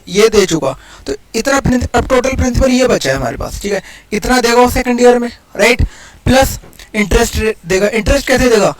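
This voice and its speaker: A man teaching maths in a casual exam-prep lesson, explaining each step aloud and counting digits quickly. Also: very high-pitched, low-quality recording. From India.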